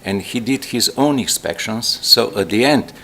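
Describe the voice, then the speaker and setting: A man on a conference panel, adding to a colleague's answer in a measured way. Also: mid-range voice, sharp tone. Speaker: presenting project partner. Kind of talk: answering audience questions.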